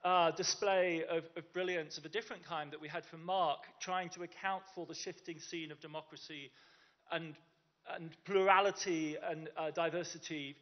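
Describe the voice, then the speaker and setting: This conference speaker, a native English-speaking man at an event in Germany, keeps things chatty and pokes fun at himself, restarting often. He talks at a moderate pace in a fairly high, steady voice, captured on a dull, lo-fi recording.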